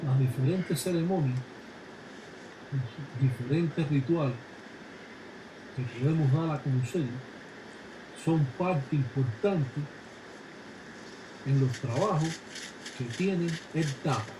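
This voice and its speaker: A man calmly explaining religious rituals in a measured, instructive way. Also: fairly high pitch. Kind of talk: explanatory narration. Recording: echoey room with background noise.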